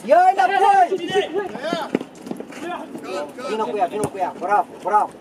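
A man playing amateur football, urgently shouting instructions and calling teammates by name. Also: high voice, fairly even intonation. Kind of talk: shouting on the pitch during a match. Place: outdoor football pitch. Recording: loud crowd and outdoor noise.

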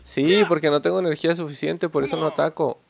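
A young man commentating a fighting game, excitable and joking, cursing at his rivals. His voice sits a bit high with a gravelly, creaky edge. The recording is noisy, with clicks in the background. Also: fast talker. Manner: excitable, joking, swears at opponents. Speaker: gameplay channel host. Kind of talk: gameplay commentary.

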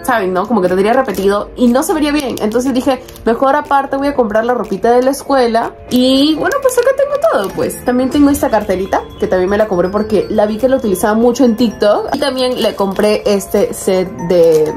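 A young woman chatting casually as she unboxes toys, excitable, often squealing over cute little figures. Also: fairly high pitch, a little fast, hardly any pauses, faint music behind. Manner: chatty, uses many diminutives. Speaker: toy collector vlogger.

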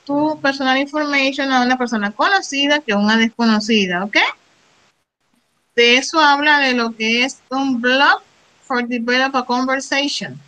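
Bright-voiced woman teaching English. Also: high-pitched, poor audio. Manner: reads English slowly, then explains in Spanish with frequent "¿verdad?". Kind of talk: classroom lesson.

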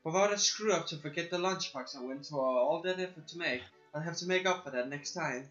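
Brief: young male let's play host, bright voice, slightly dull mic, faint game music. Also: fairly high pitch, a little fast. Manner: crude, joking, swears a lot. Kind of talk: casual let's play commentary and reading.

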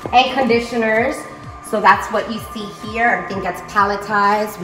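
A middle-aged business owner gives an enthusiastic, informal walk-through video tour on her feet, moving through a large indoor warehouse and open office. Her medium-pitched, slightly bright voice echoes in the space and sounds far from the mic.

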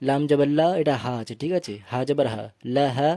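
A man teaching Quran reading, slowly spelling out syllables and chanting short recited phrases in a patient classroom manner. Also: medium pitch, warm tone, no room sound, clean studio sound. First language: Bengali. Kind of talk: tajweed lesson, spelling out and reciting verses.

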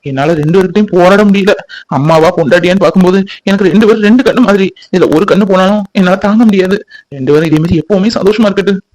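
Man voicing a high-voiced earnest young husband. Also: rapid-fire, a little mellow, lightly acted, poor audio. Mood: relieved. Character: young husband caught between mother and wife. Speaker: husband and son. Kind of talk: cartoon voice acting.

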